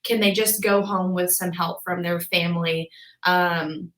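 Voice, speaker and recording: A woman's voice: fairly low pitch, steady tone, a little slow, a bit bright, poor audio. A woman in her twenties, a physical therapist, talking casually as a podcast guest with lots of filler words. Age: 20s. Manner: chatty, frequent "like" and "um" fillers.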